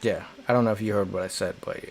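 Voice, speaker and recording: A man's voice: lowish voice, fairly even intonation, fast. A man hosting a casual livestream chat, rambling and joking at his own expense. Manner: rambling, joking, self-deprecating. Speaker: livestream host.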